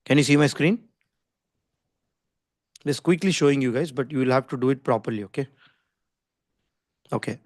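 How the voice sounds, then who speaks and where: A man's voice: mid-range voice, normal speed, pauses often, darkish tone, dry recording, clean studio sound. A man with an Indian English accent teaching a live online design class informally, in an insistent, repetitive way, often checking that listeners follow. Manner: didactic, insistent, repeats himself, often checks with "okay?". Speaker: design skills instructor. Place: online video call with screen share.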